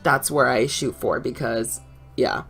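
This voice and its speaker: Young woman, low voice, chatty storytime voice-over, faint music behind. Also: measured pace, fairly bright tone. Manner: chatty and rambling, laughs often. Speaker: YouTuber.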